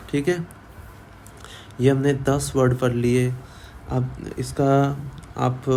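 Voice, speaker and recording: Slow, repetitive teacher, man. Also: mid-range voice, creaky, darkish tone, a little hiss or hum. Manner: repeats each word many times, asks and answers own questions. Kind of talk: vocabulary lesson for exam students.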